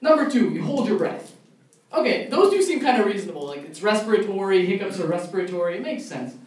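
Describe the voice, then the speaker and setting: A young man delivers a stand-up comedy set at a college club show, ranting in mock outrage. His high-pitched voice moves fast with big pitch swings. The room is echoey, the mic sits far off, and there's faint noise.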